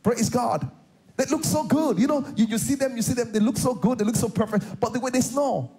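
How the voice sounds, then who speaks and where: With an extremely high-pitched, warm voice and fairly quick delivery, a middle-aged Nigerian pastor preaches from a large church stage. His style is repetitive call-and-response, echoing key lines and prompting the congregation to answer.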